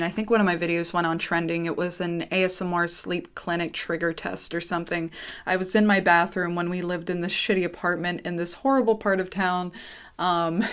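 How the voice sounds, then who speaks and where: A young American woman talking casually and informally to her viewers, nervous and dry-mouthed, rambling and drifting off topic. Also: lowish voice. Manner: rambling, often breaking off and going off topic; informal, swearing. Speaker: YouTube creator. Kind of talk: casual personal monologue to viewers.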